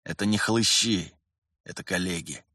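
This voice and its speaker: A man voicing a gruff, weary middle-aged officer who grumbles and lectures in curt phrases. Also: medium pitch, animated, measured pace, fairly bright tone, no room sound, studio quality.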